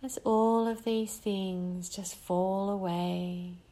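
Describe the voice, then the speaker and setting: A woman leading a guided breathing meditation, speaking in a slow, soothing way with long pauses between phrases. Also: mid-range voice, steady tone, dark tone, rough recording.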